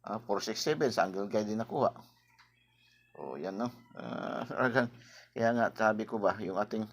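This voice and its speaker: A hoarse man chatting casually with his viewers as a lottery tip vlogger, rambling and tagging his sentences with a questioning "no?". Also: sits low. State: hoarse, clearing his throat.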